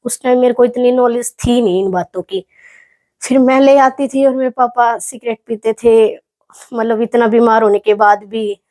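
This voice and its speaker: A young woman from Haryana, telling a personal story in an interview in a soft, reflective, halting way. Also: on the high side, fairly even intonation. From Haryana, India. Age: young adult. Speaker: athlete guest.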